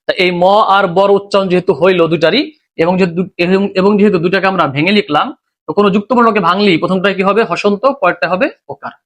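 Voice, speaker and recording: A high-voiced man with a Bangladeshi Bengali accent teaches a recorded grammar lesson. He moves step by step and keeps asking his students questions, then answers them himself. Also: steady tone, fast, a bit bright.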